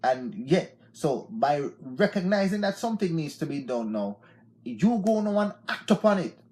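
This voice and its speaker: A man's voice: on the high side, darkish tone. Laid-back Jamaican man in his forties. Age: 40s. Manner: loose and repetitive, peppered with "yeah, man" and laughs. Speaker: live stream host. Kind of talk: unscripted motivational talk.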